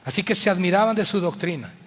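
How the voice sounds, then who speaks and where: A male pastor with a Mexican accent preaches an impassioned sermon, moving between loud appeals and hushed words. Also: sits high, fast, in a large hall.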